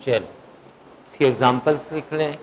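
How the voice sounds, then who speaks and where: A man's voice: mid-range voice, rough recording. Guy teaching english in class, asks stuff then answers it himself, faint background noise. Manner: drills vocabulary, asks questions and answers them himself; slow dictation of English sentences. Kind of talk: classroom lecture.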